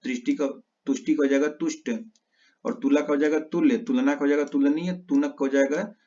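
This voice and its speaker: A male teacher giving an exam-prep lesson, reciting word pairs in quick lists and correcting his own slips. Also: fairly high pitch, steady tone, mellow. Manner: rapid list recitation with self-corrections. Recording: slightly dull lo-fi audio.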